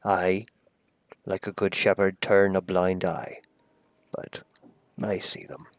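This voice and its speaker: A man voicing a secretive, knowing male town cleric in a low, hushed, confiding way. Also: little pitch movement, slow pace, dry recording.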